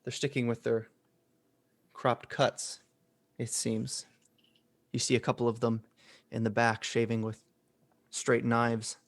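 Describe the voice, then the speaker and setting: A man's voice: medium pitch, completely flat delivery, slow pace, long pauses. Easygoing male game master. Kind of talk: narrating a tabletop game.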